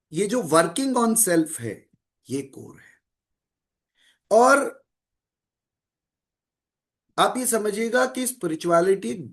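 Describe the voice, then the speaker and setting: A middle-aged man giving a calm, measured spiritual talk to listeners, mixing in English phrases. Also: high voice. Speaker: spiritual speaker.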